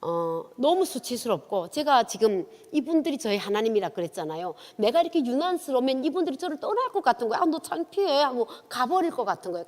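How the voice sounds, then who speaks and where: A woman's voice: a little high, darkish tone. Woman preaching in reverberant church. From North Korea. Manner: vivid storytelling, acting out dialogue. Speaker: evangelist. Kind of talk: testimony sermon. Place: church sanctuary. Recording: long church hall reverb.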